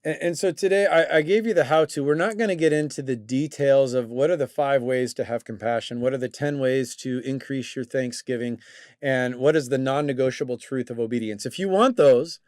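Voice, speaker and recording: A man's voice: mid-range voice, a little fast, darkish tone, dry recording, clean studio sound. A man hosting a talk show, teaching and coaching in a reflective way with many fillers and restarts. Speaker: host and coach.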